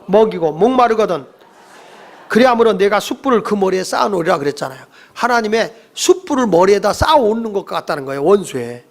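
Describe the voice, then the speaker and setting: A man preaching a sermon from the pulpit, his voice sitting high for a man. He preaches in a lively way, calls on the congregation to read scripture along with him, and slips into little character voices to act out quarrels. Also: quick pace, vocal fry. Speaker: pastor.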